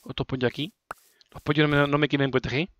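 Male gaming host, Spain Spanish accent, fairly high pitch, casual and playful, chatting to the creatures on screen. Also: flat delivery, fast talker, fairly bright tone, no room sound. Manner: playful, talks to the game creatures, repeats words. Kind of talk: casual let's play commentary.

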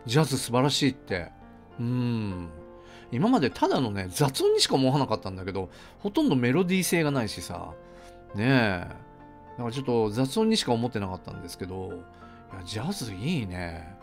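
Man, middle-aged, casual film reviewer; lively, chatty delivery with faint music under it. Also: medium pitch, brisk. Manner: chatty, conversational asides, frequent fillers.

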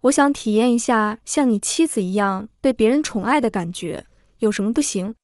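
A woman's voice: fairly high pitch, moderate pace, a little mellow, no room sound, studio quality, natural voice. A woman reading as a sneering jealous twin sister. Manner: sneering, cold.

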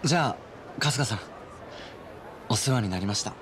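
A young man voices a modest, sincere character with polite, soft-mannered speech in a Japanese video game, sounding grateful and sincere. His voice is mid-range with lively intonation at a normal speed, lightly acted. Crowd noise and other background noise can be heard.

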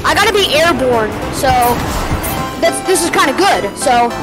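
A woman chattering excitedly and trash-talking a teammate while playing a video game. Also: high-pitched, moderate pace. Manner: excitable, playful trash talk. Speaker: gamer streaming with a friend. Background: game music.

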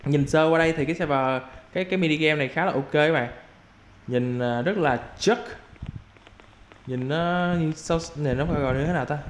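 Excitable young man narrating gameplay. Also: on the high side, moderate pace. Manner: excitable, frequent yelps and repeated exclamations. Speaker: gaming YouTuber. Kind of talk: casual gameplay commentary. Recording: roomy with faint background noise.

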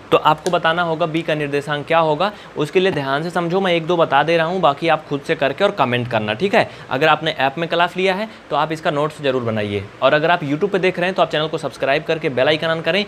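A man's voice: on the high side, quick pace, hardly any pauses, fairly bright tone, slight background noise. A male math teacher from India explaining coordinates at a whiteboard in a colloquial, coaxing way, asking questions and answering them himself.

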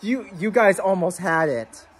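A man's voice: high voice, lively intonation, measured pace, slightly rough. A young man reacting casually to a game in outraged disbelief, with exasperated exclamations. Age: young adult. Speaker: sports fan reacting to a game. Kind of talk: live reaction vlog, casual. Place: small room at home, indoors. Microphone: phone or laptop close in front.

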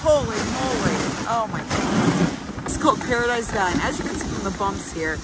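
Gushing high-voiced woman vlogging outdoors. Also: lively intonation, moderate pace. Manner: gushing, exclaims often, coos at dogs. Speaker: travel vlogger. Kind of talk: excited travel vlog narration. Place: outdoors at a snowy glacier dog camp. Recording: outdoor wind and dog noise.

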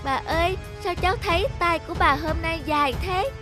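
Cute naive little girl, high voice, polite, cartoon with music behind. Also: a little fast. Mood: polite, curious. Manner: bright-eyed, polite, childlike. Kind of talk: children's fairy-tale cartoon dub. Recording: music under the voice.

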